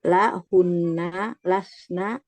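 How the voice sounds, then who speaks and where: A woman student on a video call practicing Arabic, halting and sounding out words. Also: on the low side, fairly even intonation, a little mellow, no echo. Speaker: adult student.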